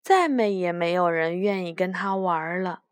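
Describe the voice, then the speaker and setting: A woman reading a children's picture book aloud with gentle, expressive narration. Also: on the low side, normal speed, dry recording, studio quality. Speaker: children's storyteller.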